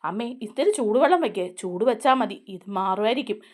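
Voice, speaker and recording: A woman voicing a firm, protective young wife who explains herself earnestly, in a lively voice. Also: medium pitch, fairly quick, natural voice. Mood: earnest, defending.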